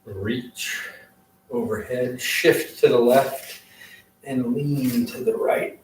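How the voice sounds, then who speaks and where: A woman gives short, casual workout cues at a slow pace, with dry banter. The voice is echoey and away from the mic, over faint noise. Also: rumbling low, a little mellow, distant mic. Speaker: workout co-instructor.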